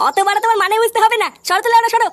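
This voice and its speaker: Woman doing all the cartoon voices, super high and fast, crude rowdy comedy banter. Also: fairly even intonation, a bit bright, slight background noise. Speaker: cartoon voice artist. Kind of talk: comedy cartoon dubbing, many characters.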